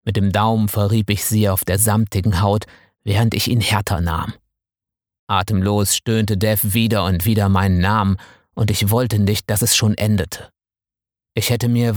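A man calmly reading a first-person story aloud in measured scripted narration. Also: lowish voice, no echo, studio quality. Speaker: audiobook narrator.

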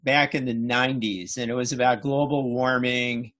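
A middle-aged man hosting an interview in a friendly, chatty way, often nodding along out loud. His voice has an ordinary, middling pitch. The delivery stays loose and informal. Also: fairly even intonation, moderate pace. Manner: affable, lots of agreeing fillers. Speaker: podcast host. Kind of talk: casual interview chat.

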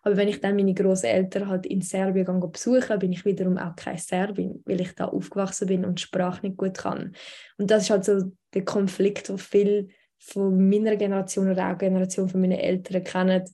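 A woman's voice: medium pitch, level tone, a little fast, warm tone. A young woman in her twenties from Switzerland with a Swiss German accent, talking as an author in a radio interview, thoughtful and direct. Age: 20s. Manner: thoughtful and direct, with frequent fillers. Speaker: author and guest.

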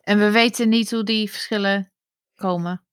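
A woman's voice: mid-range voice, fairly even intonation, moderate pace, clean tone, dry recording, studio quality. A woman hosting a podcast, interviewing a guest with curious follow-up questions. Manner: inquisitive, asks follow-up questions. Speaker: podcast host.

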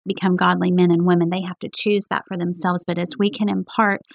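A woman leads a faith conversation with a low, gravelly voice that holds to a flat, even pitch. She speaks in a measured, earnest way and comes back to her key points. The sound is dry and close. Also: no room sound. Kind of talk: conversational church podcast discussion.

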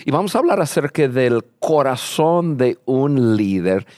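A man's voice: mid-range voice, big pitch swings, measured pace, a little mellow, no room sound. Earnest male co-host, dry sound. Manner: earnest, repeats words while building a point. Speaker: podcast co-host. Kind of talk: conversational podcast hosting.

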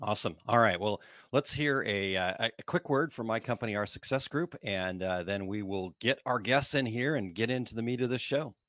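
A man's voice: fairly low pitch, moderate pace, hardly any pauses, a bit bright. A man with a Missouri accent chatting casually and folksily as a podcast co-host. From Missouri, United States. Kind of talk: casual chat.

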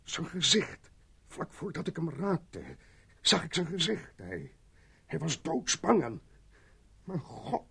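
An actor dubbing a frightened suspect who talks haltingly and stammers. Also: male voice, a little high, sing-song, creaky, a bit bright, breathy edge, heavily acted. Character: shaken man hiding a fatal accident. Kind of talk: dubbed film acting.

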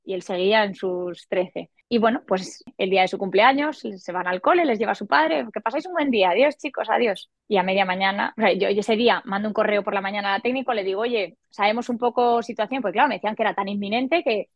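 A woman in her forties, a podcast guest, telling a personal story in a lively way and acting out the voices she quotes. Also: fast, hardly any pauses, no echo. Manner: animated, acts out quoted dialogue in a higher voice. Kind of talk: casual storytelling.

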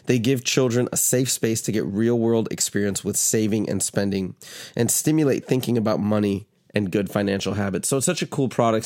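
A man with a lowish, darkish voice hosts an interview podcast in a casual chat. He sounds stuffy and congested, stays upbeat and chatty, and asks loose, rambling questions.

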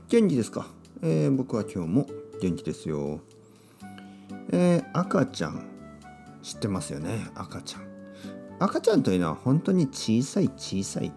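A man hosting a podcast for Japanese learners, speaking simply with lots of repetition and a playful, expressive delivery. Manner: clear, simple phrasing for learners with repeated words; expressive and playful, with sudden pitch jumps. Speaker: podcast host and Japanese teacher.

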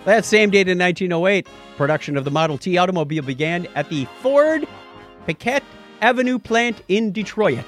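With faint music playing behind, this man co-hosts a podcast, blending easygoing banter with read-out listener mail and history items plus punny asides. He sounds high-pitched and animated, at a fairly quick pace.

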